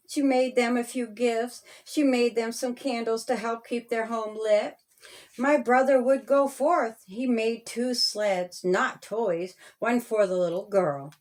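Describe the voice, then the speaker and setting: This high-leaning female voice belongs to the author of a children's storybook, who reads it aloud in a steady, lilting, rhyming cadence.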